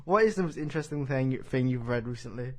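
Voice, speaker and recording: A man with a somewhat squeaky voice, hosting a casual podcast and often giggling and joking. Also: lively intonation, fast talker. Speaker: podcast host. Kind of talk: casual chat. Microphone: studio podcast mic.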